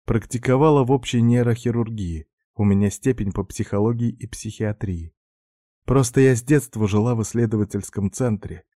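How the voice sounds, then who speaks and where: A man's voice: medium pitch, mellow, no echo, clean studio sound, voice pushed up, lightly acted. A man voicing a composed, clever young woman doctor who explains things in a level, matter-of-fact way in an audiobook.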